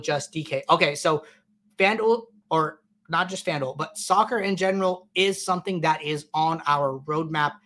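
A man's voice: fairly high pitch, sharp tone. A man hosting a live-stream Q&A, answering viewer questions in a loose, chatty way with plenty of fillers and restarts. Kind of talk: casual live-stream Q&A explanation.

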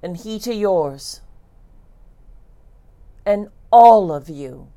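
A woman's voice: mid-range voice, lively intonation, very slow, mellow. A woman playing a bitter deposed queen who curses her enemies in declaimed classical verse.

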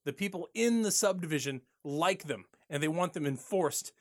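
A man's voice: a little high, animated, normal speed. A man co-hosting a home improvement radio show in a studio, chatting casually and laughing easily.

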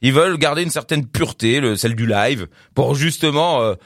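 A man's voice: medium pitch, fairly quick, dry recording, studio quality. A man presenting new rock songs on the radio in a casual, rambling way, with many fillers and little laughs. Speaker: radio music show host.

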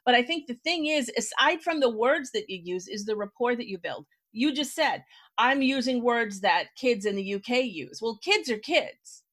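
An American woman hosts a podcast, conducting a conversational interview about writing. Her voice sits on the high side, a bit bright and animated, at normal speed, and she makes her points emphatically with examples.

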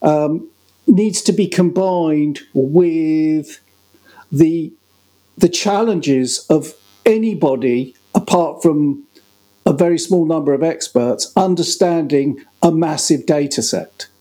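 A male podcast guest explaining his views in a measured, explanatory way. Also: a little high, dark tone. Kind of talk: casual podcast conversation.

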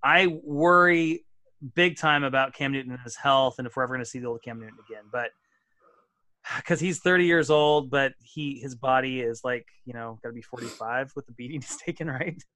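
A man's voice: mid-range voice, normal speed, sharp tone, dry recording, clean studio sound. A man co-hosting a casual sports podcast, chatty and self-deprecating, often restarting his sentences. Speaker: podcast co-host.

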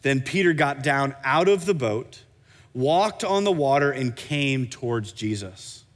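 A man preaching a sermon as pastor, animated, often stumbling and repeating words as he restarts a thought. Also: mid-range voice, measured pace, big-room sound.

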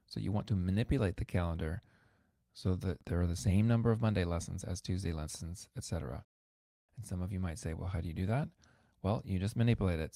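A man's voice: deep voice, gravelly, dark tone, dry recording, studio quality. A man who teaches piano, hosting an instructional podcast in a conversational, emphatic way that repeats words for stress.

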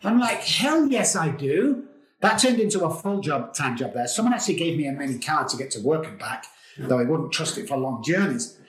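A middle-aged man, a podcast guest, telling a story in an excitable way, swearing casually. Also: medium pitch, a little fast. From England. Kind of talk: animated storytelling. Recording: roomy echo.

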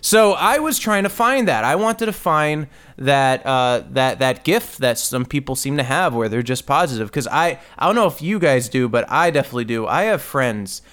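A man's voice: medium pitch, animated, moderate pace, hardly any pauses, a bit bright, smooth. A man hosting his own solo podcast, rambling and sarcastic, with plenty of complaining asides. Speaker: podcast host.

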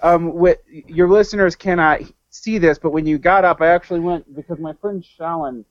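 A man talking as a podcast guest in loose, casual conversation, often restarting and correcting himself mid-thought. His voice sits a little high for a man. The audio is dull and lo-fi with a dead-dry sound. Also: steady tone, moderate pace, no echo. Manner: rambling, with many restarts and self-corrections. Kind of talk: casual film discussion.

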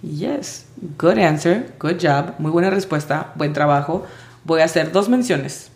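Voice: mid-range voice, unhurried, a little mellow. A language teacher giving a spoken lesson, patiently spelling out sounds letter by letter. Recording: roomy echo.

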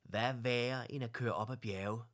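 A man's voice: mid-range voice, steady tone, lightly acted. A man voicing a young teddy bear who is cheerful but easily worried. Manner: bright, then anxious questions.

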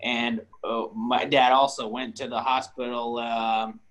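A man in casual chat who talks haltingly, with many restarts and fillers, and laughs at his own stories. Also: mid-range voice, little pitch movement, a bit bright.

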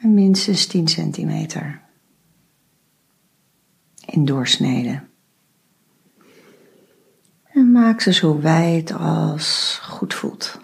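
A woman guiding a meditation, giving slow, soft instructions with long pauses. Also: low-pitched, lively intonation, vocal fry, slightly rough. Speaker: meditation guide. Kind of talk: guided meditation.

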